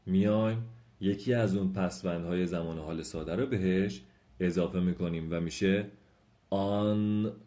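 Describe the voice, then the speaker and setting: A man gives a language lesson in a deep voice with a mellow, dark tone. He explains each point patiently and says the example sentences slowly, repeating them. He speaks to his viewers politely and formally. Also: fairly even intonation. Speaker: language teacher. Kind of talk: spoken lesson.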